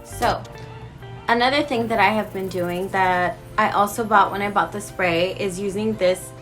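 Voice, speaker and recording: A woman's voice: mid-range voice, normal speed, a bit bright, faint music behind. A woman in her twenties talking animatedly to the camera in a casual skincare vlog, slipping in Spanish phrases now and then. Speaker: beauty vlogger.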